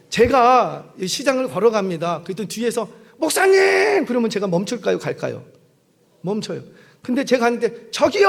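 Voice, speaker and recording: Animated high-voiced pastor preaching. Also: male voice, gravelly, husky. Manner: animated storytelling, acting out voices and questioning the congregation. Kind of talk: sermon. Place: church sanctuary. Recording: long hall reverb.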